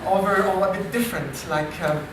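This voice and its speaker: Dry, self-deprecating and prone to halting restarts, a high-pitched man with a French accent, an AI researcher, hosts live improv comedy at a meetup venue. The background is noisy, and the recording sounds distant and very echoey.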